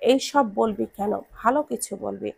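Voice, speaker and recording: A woman's voice: on the high side, measured pace, a little mellow, heavily acted. A woman voicing a hot-tempered young man who barks scolds from his sickbed. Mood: annoyed. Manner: gruff, barking scolds.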